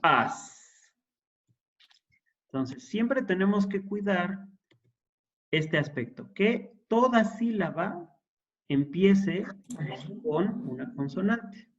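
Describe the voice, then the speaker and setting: A man's voice: high voice, expressive, very slow, pauses often, dull audio. A man teaching an introductory Hebrew class, explaining patiently and checking in with his students. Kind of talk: classroom lesson.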